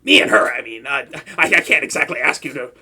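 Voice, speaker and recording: Heavily acted and forceful, a voice actor's medium-pitched, slightly rough voice races along brightly as he plays a boastful young supervillain. The character stammers, gets flustered and flips between moods in this hobby roleplay for a listener.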